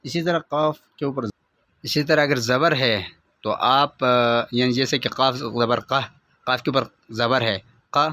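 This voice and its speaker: A male teacher giving an online reading lesson, patiently explaining step by step and slowly sounding out each letter and vowel in drills. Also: medium pitch, fairly even intonation, bright, forceful tone.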